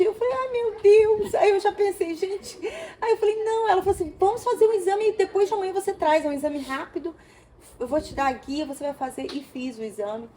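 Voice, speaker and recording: Woman, high voice, animated storyteller, faint background hiss. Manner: animated storytelling, acts out dialogue. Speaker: interview guest. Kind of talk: emotional personal testimony.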